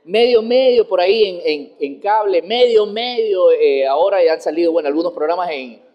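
Animated high-voiced man. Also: normal speed, muffled recording. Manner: animated, rambling, laughs while talking. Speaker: guest comedian. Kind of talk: casual interview chat.

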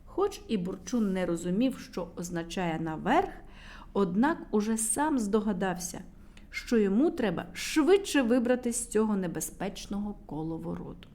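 A woman storyteller reading a children's tale aloud in a lively, dramatic way. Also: medium pitch, normal speed.

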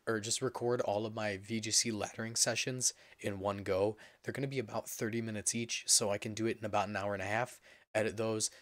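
A young man with a hoarse voice that is giving out from being sick, giving a casual, rambling update as a gaming channel host. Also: fairly low pitch, fairly bright tone, no room sound. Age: young adult. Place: indoor room at a computer.

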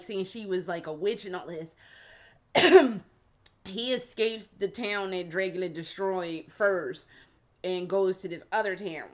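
A woman recaps a show in an easy, slangy way and swears now and then. She breaks into laughs as she tells it. The sound is dull and lo-fi, like a simple home recording, and her voice sits in a middle range for a woman. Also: mid-range voice. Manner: casual, slangy and swearing, laughs while retelling. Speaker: vlogger reviewing a show. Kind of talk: casual chatty review.

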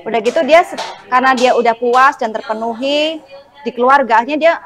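A woman's voice: fairly high pitch, fairly quick. Chatty woman explaining parenting. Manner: chatty, animated, acts out family quotes. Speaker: parenting talk show guest. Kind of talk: casual explanatory talk.

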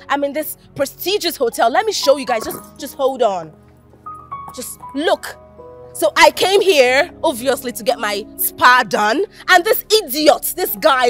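A Nigerian actress playing a vain, boastful female influencer who insults people in a haughty way, with soft film music behind. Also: high-pitched, heavily acted. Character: vain lying female social media influencer. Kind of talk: Nollywood film acting.

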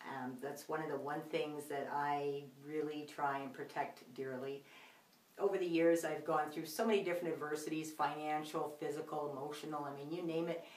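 A woman giving a casual motivational video message, energetic, laughing easily and swinging her pitch up and down. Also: moderate pace. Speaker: motivational vlogger. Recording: echoey room, mic at a distance.

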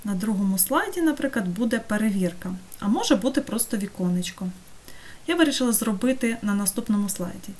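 A woman teaching an online course, talking through a screen-recorded software tutorial step by step and checking in with her students. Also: mid-range voice, expressive, brisk. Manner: patient, step-by-step, checks in with "так?".

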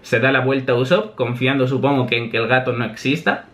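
A man, a manga reaction host talking in a chatty, animated way and laughing often. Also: mid-range voice, brisk. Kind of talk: casual reaction commentary.

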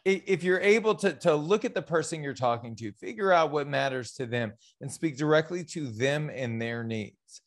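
A man in his thirties hosting an interview over a video call, speaking in a quick, friendly way. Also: on the high side, lively intonation. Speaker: town hall host. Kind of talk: casual interview. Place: home studio, indoors. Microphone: boom microphone on video call.

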